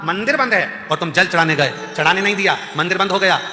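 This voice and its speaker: Animated man preaching in an echoey hall. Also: high-pitched, fast. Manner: animated, acts out characters, rising to loud exclamations. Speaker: kathavachak preacher. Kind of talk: devotional sermon storytelling. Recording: echoey hall with music behind.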